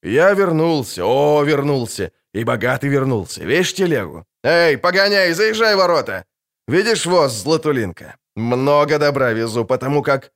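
A man reading an audiobook, voicing a middle-aged merchant who talks in a loud, boisterous way. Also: medium pitch, sing-song, moderate pace. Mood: boastful. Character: hearty boastful middle-aged male merchant.

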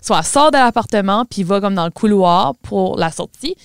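Québécois woman podcast co-host, smooth clear voice, dry close sound, lively storyteller mixing in English. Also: mid-range voice, a little fast, dry recording. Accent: Québécois French. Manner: mixes English words into French, animated storyteller. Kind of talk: casual storytelling chat.

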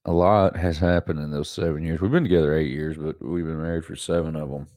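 A podcast host stuffed up with allergies rambles through a casual solo monologue, often repeating himself and laughing at his own expense. His extremely low voice has a steady, darkish tone, he talks fast, and the audio has no echo.

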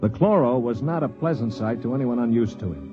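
Narrating a vintage 1950s sci-fi radio play, a man plays the lead, a world-weary space traveler who is level-headed and dry-witted. He sounds calm, sardonic, and reasoning, with a mid-range voice that's a little fast and lightly acted. The recording is dull and old, with music in the background.

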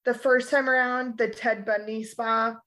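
A woman co-hosting a podcast in casual chat, sarcastic and animated, swearing freely. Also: fairly high pitch, unhurried. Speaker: podcast co-host.

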